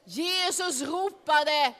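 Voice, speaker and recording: A woman telling a Bible story to children in a lively way, talking directly to her listeners, in a large hall. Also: high voice.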